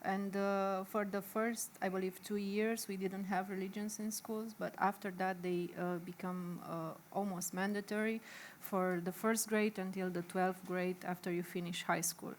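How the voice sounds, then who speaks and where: A woman in her thirties with a Romanian accent, speaking on a panel with many pauses and fillers. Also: medium pitch, level tone, slight background noise. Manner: hesitant, many fillers, slightly nervous. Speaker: panelist for a humanist association. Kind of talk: panel discussion.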